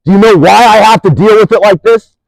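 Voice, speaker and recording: A man's voice: high voice, fairly quick, vocal fry, dry recording, poor audio. A man delivering an angry, profane monologue, accusing and rambling, restarting sentences as he goes.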